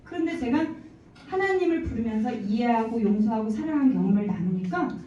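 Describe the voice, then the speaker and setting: A woman in her forties tells her testimony to a church congregation, earnest and vivid as she plays out conversations. Her voice sits fairly high but sounds mellow. The recording is dull and lo-fi, taken from a distance in a reverberant hall. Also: lively intonation, a little fast, a little hiss or hum. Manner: earnest storytelling, acting out dialogue. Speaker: church member giving testimony.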